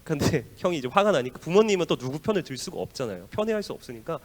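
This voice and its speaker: Young male youth pastor, lively sermon, fairly high voice, loud bursts falling to whispers, long church hall echo. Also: fast talker. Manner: animated, acts out quoted voices, drops to near whispers.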